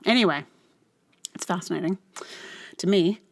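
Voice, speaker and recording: A woman with a fairly low-pitched voice speaks at normal speed as the host of a solo podcast. She rambles casually, often thinking aloud in unfinished phrases.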